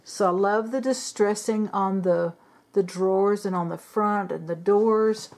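A woman with a medium-pitched, a little mellow voice talks a little slowly as she works on refinishing furniture at home. She's a DIY furniture vlogger, and her how-to narration is casual and rambling, with fillers and self-corrections. It was captured on a camera mic in her sewing room.

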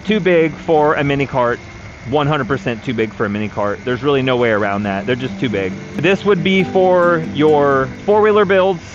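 Riding a four-wheeler outdoors, a man in his thirties, a vlogger who builds electric vehicles, gives practical, matter-of-fact advice in a casual ride-along explanation. His voice is medium in pitch. Captured on an action camera, the audio is dull and lo-fi, with background music underneath.

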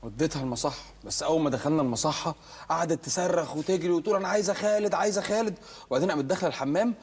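An actor with an Egyptian Arabic accent playing a poor, nervous young husband who cracks deadpan jokes in a TV comedy series. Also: male voice, fairly high pitch, very fast, husky. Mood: joking.

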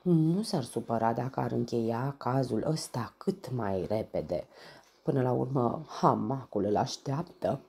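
A woman's voice: extremely low pitch, lively intonation, creaky, warm tone, full character voice. A woman voicing a lazy, nervous male hog who stammers and pants, in a children's storybook. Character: lazy male river hog sidekick, jittery.

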